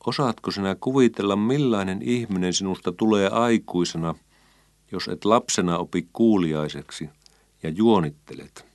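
A man's voice: deep voice, darkish tone, no echo, clean studio sound. Man doing a stern storybook father. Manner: stern, deliberate. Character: stern, serious father lecturing his son.

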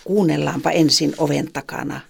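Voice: medium pitch, fairly even intonation, gravelly, husky. A reader voicing a young boy from a folk tale, earnest and trusting in faith.

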